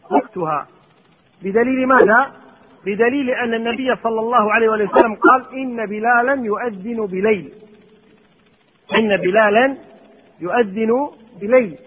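Husky, fast-talking teacher in an echoing hall. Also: male voice, high voice. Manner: reads a line of text, then explains it with questions to students. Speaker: Islamic jurisprudence teacher. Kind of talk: explaining a fiqh text. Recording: tinny phone-like audio with long hall reverb.

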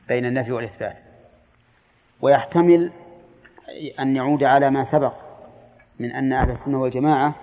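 A man's voice: medium pitch, a little mellow. Man teaching a religious lesson, hall echo. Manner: explains step by step, asks students questions and answers them. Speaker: Islamic scholar teaching a creed text.

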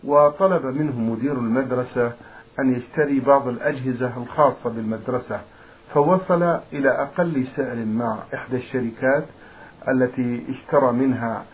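A man presenting a radio programme and reading out questions in formal Standard Arabic, with deferential, polite phrasing. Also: mid-range voice. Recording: narrow phone-like radio sound, faint noise.

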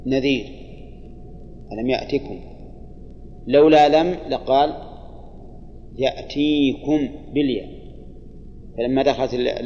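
A man teaching a grammar lesson to a class, reciting examples slowly and quizzing his students. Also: mid-range voice, a little hiss or hum. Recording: dull lo-fi recording in a long-reverb hall.

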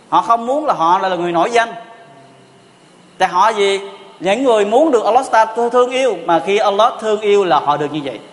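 A man's voice: sits high, a bit bright. A man giving a storytelling sermon, asking rhetorical questions and repeating pious exclamations. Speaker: preacher. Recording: long reverb of a hall.

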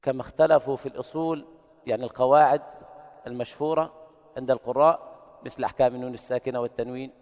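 A man teaching Quran recitation readings in an explanatory lesson, who breaks into slow, melodic chanting to demonstrate each reading. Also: mid-range voice, fairly even intonation, darkish tone, in a large hall.

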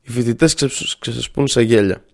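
A man narrating a story aloud in a measured, earnest way. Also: mid-range voice, vocal fry, a little mellow.

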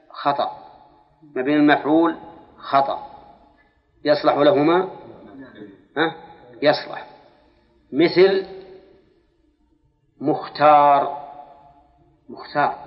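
A man teaching Quranic grammar in a classroom lecture, quizzing his students and drawing out words for emphasis. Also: fairly high pitch. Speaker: Islamic scholar teaching Quran exegesis. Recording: lo-fi lecture hall recording with long reverb.

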